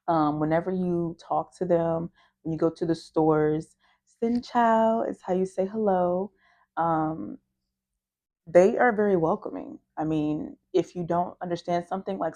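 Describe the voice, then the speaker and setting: Woman vlogger from the US, low voice, mellow tone, chatty storytelling. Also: dull audio. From United States. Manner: chatty, lively storytelling with acted-out quotes. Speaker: travel vlogger. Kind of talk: casual chat to camera.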